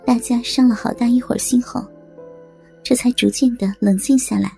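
A woman's voice: a little high, steady tone, normal speed, vocal fry, mellow, soft background music. A woman reading a dramatic family story aloud as a storyteller. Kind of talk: scripted story narration.

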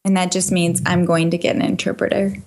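A woman doctor with a somewhat low voice talks through her answers casually. She slows down to spell out phrases clearly and breaks into easy laughs now and then. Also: level tone, darkish tone. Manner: teaching phrases slowly with frequent laughs. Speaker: physician guest.

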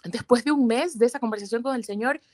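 Lively woman telling her story. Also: a little high, quick pace, dry recording, low-quality recording. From Ecuador. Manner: lively storyteller who acts out quoted dialogue. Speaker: missionary intercessor, interview guest. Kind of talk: telling a personal testimony in conversation.

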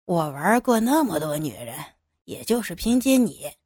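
A woman's voice: fairly low pitch, very animated, moderate pace, a little mellow, husky, dry recording, studio quality. A woman voicing a crude, swaggering young male contractor in an audiobook, talking coarse and leering, then fawning. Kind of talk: audiobook character voice.

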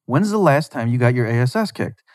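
A man's voice: mid-range voice, animated, brisk, a little mellow, no echo, studio quality, natural voice. A man voicing a wiry teenage boy bully who mocks and needles in a fake-innocent way. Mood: taunting. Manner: mocking, needling, faux-innocent.

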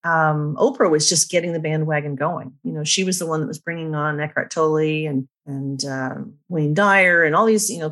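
A middle-aged woman, a numerologist, telling personal stories candidly and emphatically in a podcast interview. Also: on the low side. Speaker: numerologist guest.

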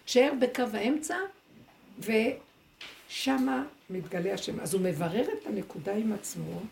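Gravelly-voiced woman teaching Torah. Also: mid-range voice, a little hiss or hum. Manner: lively, rhetorical questions, acts out inner dialogue. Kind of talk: Torah lesson to a group.

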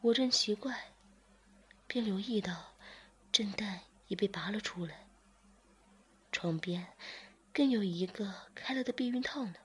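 Female narrator for a whispered story; hushed, airy voice, unhurried delivery. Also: mid-range voice, slightly rough. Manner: slow, hushed reading.

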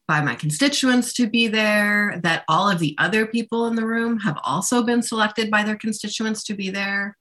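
A woman lawmaker from Vermont chats on a radio show, her voice low but bright and crisp. She talks earnestly, with plenty of "like" fillers. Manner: earnest, chatty, many "like" fillers. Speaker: state representative. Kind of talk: casual radio conversation.

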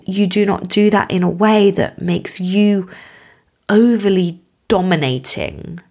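Female podcast host, croaky voice, mid pitch, earnest emphatic delivery, reassuring spiritual guidance addressed to one listener. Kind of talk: spiritual teaching monologue to listener.

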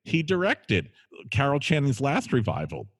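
A man hosts a conversational podcast interview. His mid-pitched voice is somewhat rough and very lively in melody, and he speaks effusively, repeating phrases for emphasis. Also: moderate pace. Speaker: host.

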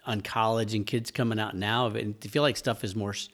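Fast-talking joking male host. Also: fairly low pitch, steady tone, fairly bright tone. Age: middle-aged. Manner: joking, chatty, self-aware about sounding old. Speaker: podcast host. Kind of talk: casual chat.

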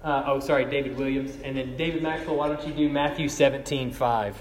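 A man's voice: medium pitch, fairly even intonation, fairly quick, a little hiss or hum. A man teaching a Bible class, chatty and laughing often as he calls on students by name. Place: large room with a class. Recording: echoey hall with long reverb.

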